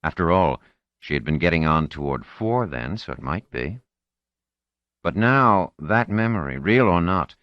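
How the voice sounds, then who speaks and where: Deep, expressive male audiobook narrator. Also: no room sound. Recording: dull lo-fi, dry close recording.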